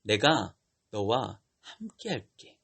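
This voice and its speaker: God speaks slowly and solemnly in a lowered, reassuring voice, as a man puts him on while retelling a story. The voice keeps a husky edge. It sounds like the divine figure in a Sunday school storybook. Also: very animated, fairly bright tone, exaggerated voice. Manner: slow, lowered, solemn delivery.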